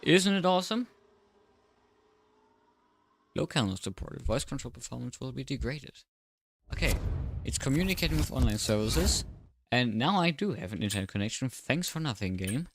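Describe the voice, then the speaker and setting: A man speaking with braces that make his S sounds slightly off, chatting casually and commentating on a livestream in a low-key, dryly sarcastic way. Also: expressive, moderate pace, pauses often, a little hiss or hum. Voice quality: slightly slurred, odd S sounds from new braces. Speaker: livestreamer and sim racing commentator.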